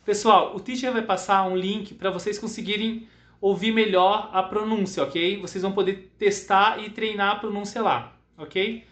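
A man's voice: sits high, steady tone, normal speed, fairly bright tone. A young Brazilian man teaching English to children, reassuring and mixing English with Portuguese, drilling words for the class to repeat. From western Santa Catarina, Brazil. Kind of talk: online English lesson for children. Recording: echoey room.

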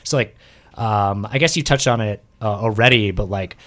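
A young man with a fairly low voice hosts a radio interview from a small studio. He talks casually, with plenty of fillers, close to a studio microphone. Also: normal speed, fairly bright tone. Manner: casual, filler-heavy questions. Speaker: radio show host. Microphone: studio mic with headphones.

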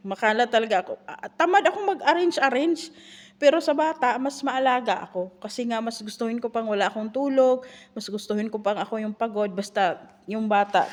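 A woman, a live-in nanny, chatting in a casual vlog with rhetorical asides and animated storytelling. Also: mid-range voice.

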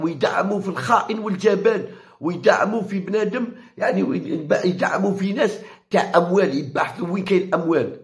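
A high-voiced man with an Algerian Arabic accent ranting straight to camera on his own channel. His delivery is heated and insistent, and he keeps circling back to the same phrases to drive each point home. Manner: heated, repeats phrases for emphasis. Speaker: channel host. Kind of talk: impassioned direct-to-camera rant.

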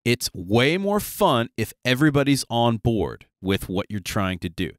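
A man's voice: mid-range voice, measured pace, slight background noise. A man hosting a casual panel chat, telling stories in a jokey way. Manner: animated, jokey storyteller. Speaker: podcast host.

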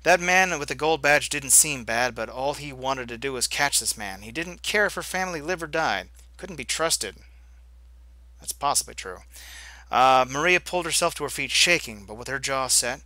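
A gameplay host reading a story game aloud, reacting loudly and swearing at his choices. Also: mid-range voice, expressive, normal speed, no room sound.

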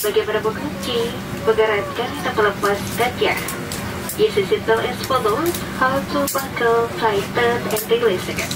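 Indonesian accent woman doing formal flight attendant safety announcement, sounds far from the mic, really loud plane noise behind. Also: fairly high pitch, a little slow. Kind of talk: scripted cabin safety announcement. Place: inside an airliner cabin. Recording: distant cabin PA, loud aircraft engine noise. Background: loud aircraft cabin noise.

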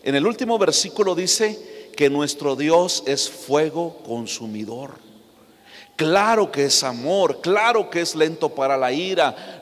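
A man preaching a sermon, firing rhetorical questions at his congregation. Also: fairly high pitch. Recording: long reverb of a church hall.

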